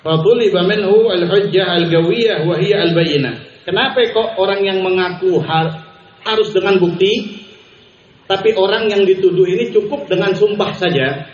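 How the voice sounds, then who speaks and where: A man's voice: high voice, normal speed. A male religious teacher giving an Islamic study sermon, mixing Arabic recitation with casual explanation and chuckling often. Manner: chuckles often while talking. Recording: roomy, dull, faint hiss.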